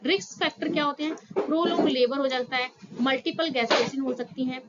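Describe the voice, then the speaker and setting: A woman's voice: sits high, steady tone, fairly quick, muffled recording, heavy background noise. A woman teaching an exam-prep nursing lecture, explaining step by step and often repeating key terms with small fillers. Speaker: nursing tutor.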